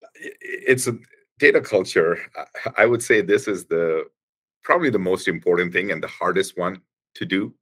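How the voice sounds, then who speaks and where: A man with a very low voice is a guest on a podcast. He explains things patiently at length, stops often and starts his sentences over. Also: fairly bright tone, breathy edge. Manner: explanatory, halting with many restarts. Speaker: guest, engineering executive. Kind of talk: podcast interview.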